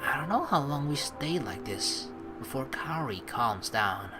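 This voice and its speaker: This let's play features a man with a mid-range, expressive voice that moves a little slowly. He drifts loosely between casual remarks about the game and reading the story text aloud dramatically, with game music in the background.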